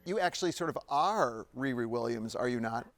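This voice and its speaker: A man's voice: mid-range voice, lively intonation, a little fast, vocal fry, fairly bright tone, no echo. A man hosting a quiz show, reading questions and narrating in a jokey, playful way with frequent laughs. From Evanston, Illinois.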